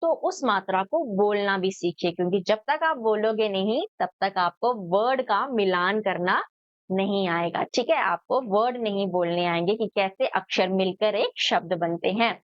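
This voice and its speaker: A woman teacher giving a children's lesson, sounding out each letter slowly and answering her own questions. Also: mid-range voice, dry recording, highs cut off.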